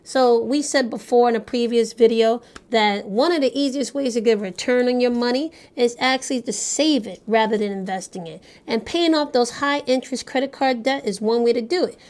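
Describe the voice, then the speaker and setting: A woman's voice: fairly high pitch, a little fast, few pauses, a little mellow. A woman co-hosting a personal finance talk show, explaining points confidently and affirming her partner with frequent agreement sounds.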